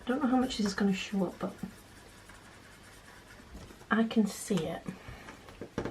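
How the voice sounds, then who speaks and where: A young British woman chats casually in a quiet, hushed late-night voice at a medium pitch. She sounds like a home vlogger keeping her volume down. The recording has clear background noise. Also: a little slow, rough recording. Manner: quiet, hushed late-night talking so as not to wake sleeping children. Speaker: vlogger, channel host. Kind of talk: casual budgeting vlog, chatting while counting cash.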